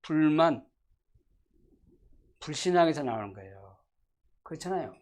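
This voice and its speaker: A preacher delivering a church sermon, the pitch leaping up and down with lively animation. Key phrases come back again and again, and questions are thrown out at the congregation. Loud, pressing declarations give way to sudden quiet, almost whispered asides. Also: a little slow. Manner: emphatic, repeats key phrases, asks the congregation rhetorical questions. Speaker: pastor. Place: church sanctuary.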